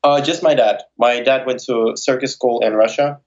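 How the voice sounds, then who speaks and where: A man's voice: medium pitch, fairly even intonation, moderate pace, muffled recording. Young man rambling with fillers. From born in Moscow, raised in Ukraine and Las Vegas. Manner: rambling, many fillers and restarts. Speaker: guest, circus straps performer. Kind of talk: casual interview answers.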